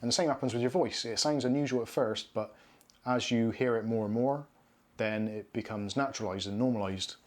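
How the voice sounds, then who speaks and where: The host of this casual live stream Q&A is a Bristolian man in his thirties from southwest England, talking fairly quickly in a mid-range voice. He chats as he reads viewer comments and answers them, in a home studio room with shelves and neon signs.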